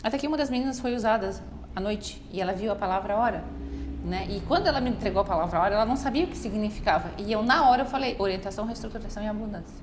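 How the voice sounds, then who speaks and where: A woman telling a personal faith story in casual conversation, animated and often acting out what others said. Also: mid-range voice, rapid-fire. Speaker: guest. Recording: faint background noise.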